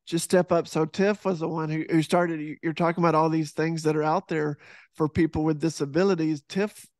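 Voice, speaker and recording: A fitness instructor and author in his thirties, originally from Texas, joins a podcast by video call for a casual interview, speaking earnestly with lots of restarts and fillers. His pitch is fairly high and fairly even, his pace a little fast, his tone darkish. Using a boom-arm headset mic in a home room with a poster at his back, he comes through dry and studio-quality.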